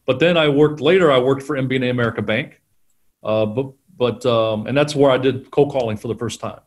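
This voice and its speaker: Middle-aged man, mid-pitched, chatty storyteller with lots of energy, guest on a talk show. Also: brisk. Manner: animated storyteller, acts out quotes, laughs often. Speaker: guest, sales trainer. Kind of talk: conversational storytelling interview.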